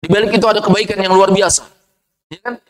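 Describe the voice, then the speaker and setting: A man preaching a sermon, lively, asking the audience questions and answering them himself. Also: fast, rough recording. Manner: lively, swings from low asides to high rhetorical questions.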